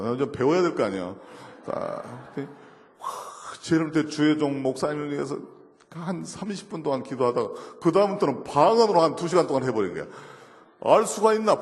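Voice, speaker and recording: A man giving a lively testimony sermon at a church, telling stories with acted quotes and moving from soft murmurs to loud outbursts. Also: mid-range voice, brisk, long reverb tail. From South Korea. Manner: storytelling with acted quotes, laughing, shifts from murmur to shouting. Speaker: guest speaker at a church service.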